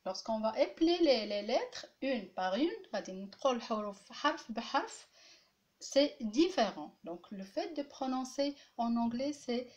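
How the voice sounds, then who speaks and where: A woman's voice: fairly high pitch, expressive, moderate pace. A woman teacher giving a lesson, patiently repeating each letter and point many times. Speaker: language teacher. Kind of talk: classroom-style lesson.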